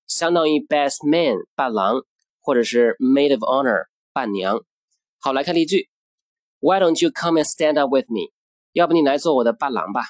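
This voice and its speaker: A mid-pitched male teacher explains pronunciation step by step in a methodical lesson. He slows right down to repeat each model phrase with care. The recording is close and dry, with no room sound. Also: no room sound.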